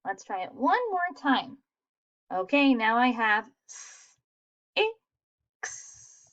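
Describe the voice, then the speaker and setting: A woman teaching a phonics lesson to young children, sounding out letters slowly and praising answers. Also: a little high, big pitch swings, a bit bright, lo-fi sound. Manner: slow, sounding out letters, encouraging.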